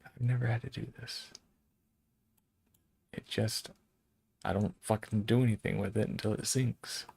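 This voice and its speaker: A man with a fairly low, gravelly voice talks to himself as he works at a computer. He grumbles and swears at the software, half under his breath, in loose casual muttering. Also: steady tone, unhurried, dry recording. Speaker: streamer fixing computers.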